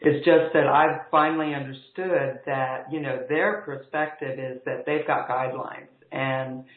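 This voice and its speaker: A man's voice: mid-range voice, fairly even intonation, measured pace. Man on an echoey cave-like call. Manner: earnest, appreciative, offers practical advice. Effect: cave-like echo on the voice. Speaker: call-in participant. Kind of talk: casual conversation. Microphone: internet video call. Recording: echoey, tinny internet call line.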